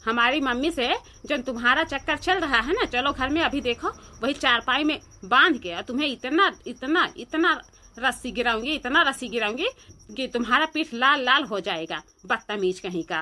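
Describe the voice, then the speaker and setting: A sharp, high, threatening young wife in an Awadhi cartoon who scolds without letup, as a woman plays her. Her voice is bright and biting. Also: lively intonation, normal speed. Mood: scolding. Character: fierce young wife guarding her husband.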